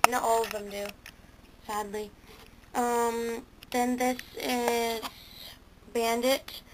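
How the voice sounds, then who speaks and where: Very slowly and in a level tone, a teenage toy horse barn video maker tours her homemade model stable indoors, her voice on the high side and her speech hesitant with frequent ums and self-corrections. Heavy background noise fills the clip, recorded on a handheld camera near the toys.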